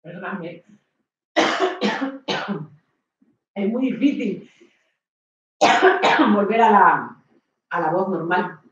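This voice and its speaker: A woman's voice: medium pitch, very slow, long pauses. Nervous woman in a very echoey patio. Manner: lively, acts out scenes, addresses the audience with "¿vale?". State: nervous, coughing. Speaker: speaker at an online talk. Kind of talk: storytelling monologue talk. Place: home patio. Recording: very echoey, distant lo-fi mic.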